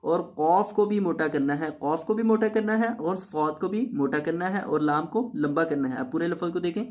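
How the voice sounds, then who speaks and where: With a mid-range voice, a Quran teacher gives a tajweed lesson, drawing out each word slowly and reciting it several times. He then explains the rules in quick, softer asides.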